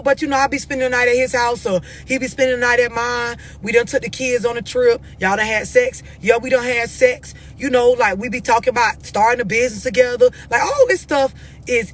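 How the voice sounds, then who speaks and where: A little hiss or hum runs under this fairly high-pitched woman's voice. She's an American live stream host giving her followers blunt relationship advice without a script, confrontational and emphatic as she insistently presses her questions.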